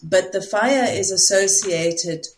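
A woman with a South African accent, speaking reflectively as a spiritual teacher in casual conversation, often pausing to find her words. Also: medium pitch, slight background noise.

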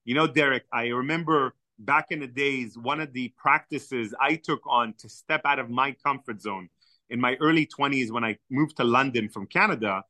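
Here a Hebrew-speaking man, appearing as a guest on a podcast, spins enthusiastic, animated stories in conversation. He has a mid-range voice and moves at a moderate pace, with no room sound.

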